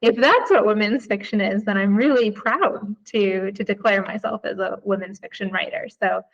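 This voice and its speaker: A woman from the Chicago area, a guest author, speaks reflectively and warmly in a podcast interview, with occasional ums. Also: medium pitch, normal speed, dull audio. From United States, Chicago area.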